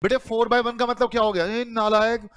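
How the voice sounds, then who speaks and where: A man's voice: very high voice, steady tone, brisk, a bit bright, no room sound. A man teaching accounting to a class, calling students "beta" and asking then answering his own questions. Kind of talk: classroom lecture.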